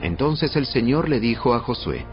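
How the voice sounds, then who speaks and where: A man narrating a dramatized audio Bible in a measured storytelling delivery. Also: mid-range voice, big pitch swings. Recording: muffled band-limited audio. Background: prominent background music.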